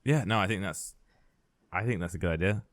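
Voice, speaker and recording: A man's voice: deep voice, brisk, dry recording, clean studio sound. A young man co-hosting a podcast, teasing and skeptical in casual chat. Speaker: podcast co-host.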